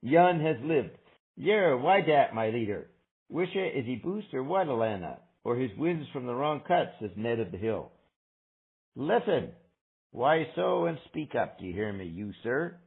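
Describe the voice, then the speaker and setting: Man reading as a gravelly, quarrelsome questioner. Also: mid-range voice, sing-song, measured pace, narrow, tinny audio. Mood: questioning. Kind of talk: reading literary dialogue aloud.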